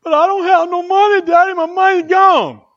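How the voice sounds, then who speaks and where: A woman's voice: very high-pitched, steady tone, normal speed, highs cut off, voice pushed up. A man voicing an impatient five-year-old girl who begs and cries for ice cream, repeating herself. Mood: wailing. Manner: pleading, whiny repetition.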